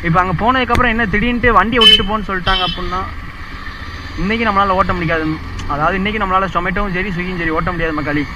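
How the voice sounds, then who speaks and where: Riding a motorbike through city streets, this young Indian motovlogger talks fast in a high-pitched voice whose highs are cut off. Chatty and rambling, he keeps repeating himself and addressing viewers, and his helmet or chest action camera picks up traffic and wind noise outdoors.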